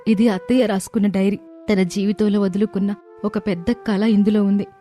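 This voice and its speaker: Woman voicing an earnest young daughter-in-law, mellow voice, kind, faint music. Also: mid-range voice, flat delivery, brisk, natural voice. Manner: earnest, warm-hearted speaking. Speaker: voice actor.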